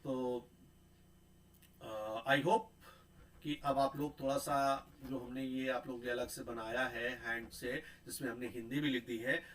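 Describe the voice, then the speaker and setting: Man, lecturer, bright clear voice, drills sounds and repeats words. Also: mid-range voice, fairly even intonation, low-quality recording. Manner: drills sounds slowly, repeats words, frequent tag questions. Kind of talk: pronunciation lecture.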